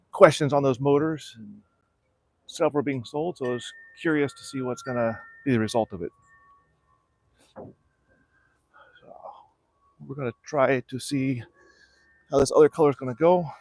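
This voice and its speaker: A middle-aged South Florida man hosts a casual livestream from his backyard, explaining how he's restoring a small boat. His mid-range voice carries a relaxed, practical tone.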